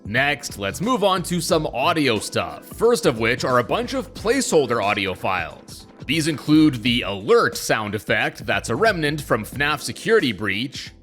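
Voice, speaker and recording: A man's voice: medium pitch, very animated, measured pace, few pauses, fairly bright tone. A man hosting a gaming video, reading scripted explainer narration. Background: music.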